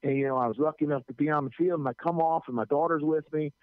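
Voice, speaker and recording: A man tells stories in a slightly high voice, animated and stammering as he starts each thought. The sound is thin and tinny like a phone line, and dry with no room echo. He speaks as a visiting anti-drug school speaker. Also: very fast. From New Jersey. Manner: animated, stammers on starts, acts out others' lines. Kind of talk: casual storytelling chat.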